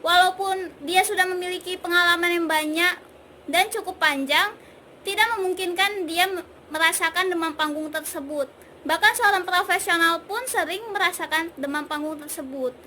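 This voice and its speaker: A young woman in her twenties from Indonesia, a communication student, leads an instructional vlog on public speaking. Her voice sits very high and bright, and she explains each exercise clearly, step by step. A faint hiss of background noise runs under the recording. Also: moderate pace. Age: 20s.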